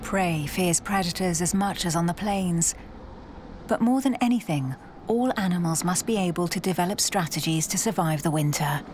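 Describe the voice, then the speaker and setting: A woman narrates a nature documentary from a script in a measured storytelling delivery. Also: lowish voice, a little mellow, a little hiss or hum.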